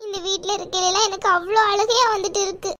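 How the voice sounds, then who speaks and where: Woman voicing a timid young cartoon wife, tearful, pleading, apologetic, very high voice. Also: steady tone, quick pace, sharp tone. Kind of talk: cartoon voice acting.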